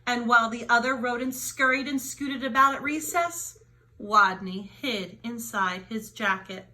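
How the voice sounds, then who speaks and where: A woman's voice: fairly high pitch, a little slow, pushed and bright, rough recording. A woman storyteller reading a children's book aloud with dramatic emphasis, stretching out key words.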